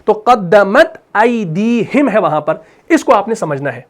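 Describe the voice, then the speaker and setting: A male teacher explaining Arabic grammar in Urdu with a Pakistani accent. He asks questions and answers them himself, and at times recites Quran verses slowly. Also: high voice, sing-song. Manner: repeats questions and answers them himself, adds "bhai" and "theek hai na". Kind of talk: explaining grammar while writing on a board.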